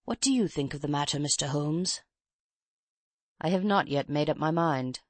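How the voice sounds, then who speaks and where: In an audiobook, a reader voices a frail old professor, a chain-smoking invalid who speaks in a mincing, overly courteous way. The character sounds subdued and self-pitying, a little lower and softer than the narration, lightly acted and recorded close and dry.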